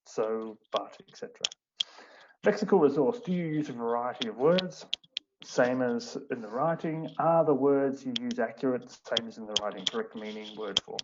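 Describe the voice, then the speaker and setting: A man, an English teacher explaining things in an online seminar, with many fillers and restarts. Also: medium pitch. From Australia. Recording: muffled online stream with background noise.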